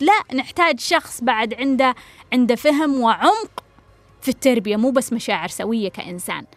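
A woman's voice: sits high, a bit bright, no room sound. A woman giving earnest family advice, repeating phrases for emphasis and putting direct questions to her listeners. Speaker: family counselor. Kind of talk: advice talk on a family case.

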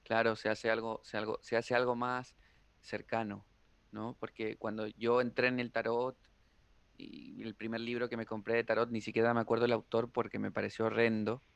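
A man's voice: lowish voice, moderate pace, creaky, smooth, no room sound, muffled recording. Man telling stories. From Argentina. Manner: animated storyteller, playful, slips into impressions. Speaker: guest, tarot reader. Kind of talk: casual interview chat.

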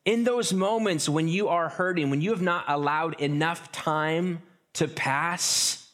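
A pastor delivers a sermon in a relaxed, conversational manner, his voice on the high side. He often restarts phrases and slips into quick acted asides.

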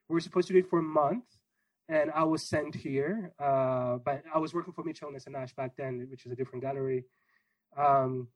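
A young man raised in Israel, answering interview questions in a relaxed, rambling way with many fillers. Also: a little high, no room sound, low-quality recording. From Congo, raised in Israel. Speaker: gallery owner guest.

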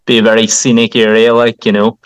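A man's voice: fairly low pitch, monotone, brisk, smooth, dry recording. Young man with a Donegal accent, closely recorded. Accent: Donegal Irish. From County Donegal, Ireland. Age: young adult. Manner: informal, peppers talk with "like" and "you know". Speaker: podcast guest, country singer. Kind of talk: casual interview chat.

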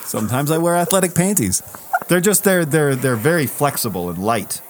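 A man's voice: on the high side, expressive, moderate pace, slight background noise. A man co-hosting a casual podcast, telling a self-mocking story and swearing loosely as he talks. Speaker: podcast co-host. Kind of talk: casual chat.

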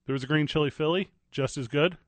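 A man from St. Louis banters in a loose, rambling way, full of slangy asides. His voice sits on the higher side for a man. The studio sound is close and dry. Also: quick pace, no echo. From St. Louis, USA. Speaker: radio co-host. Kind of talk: casual radio banter.

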